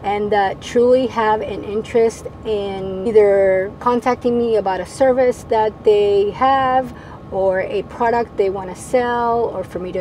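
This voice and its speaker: A middle-aged Venezuelan vlogger who moved to the United States at ten, with Spanish as her first language, hosts her channel from a parked camper van's cab, answering viewer questions to camera. Her medium-pitched voice is soft-edged and relaxed as she explains things. A lapel mic catches steady vehicle noise, making for a rough recording.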